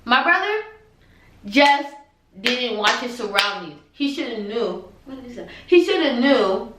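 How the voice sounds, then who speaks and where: A young woman telling a storytime tale with dramatic, exasperated energy. Her voice is fairly high and swings widely as she tells it. The sound echoes in a roomy space. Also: sing-song, a little slow, noisy background. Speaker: vlogger. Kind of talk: storytime vlog. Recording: echoey room.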